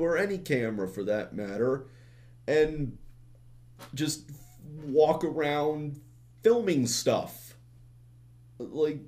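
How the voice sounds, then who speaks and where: A man's voice: mid-range voice, darkish tone. A young man giving a rambling, profane, exasperated movie review, full of restarts and filler words.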